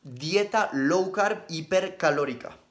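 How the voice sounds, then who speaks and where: On a live stream, this young guy coaches nutrition, responding to viewers' questions in quick, no-nonsense replies peppered with slang. His pitch is fairly high.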